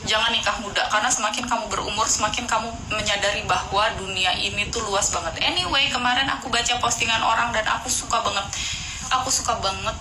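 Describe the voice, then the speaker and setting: A woman's voice: fairly high pitch, fast talker. A woman in her late thirties giving casual, talkative relationship advice to viewers, full of fillers and restarts. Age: 30s. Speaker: advice vlogger answering viewer questions. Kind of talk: casual chatty advice talk. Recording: echoey room with clear background noise.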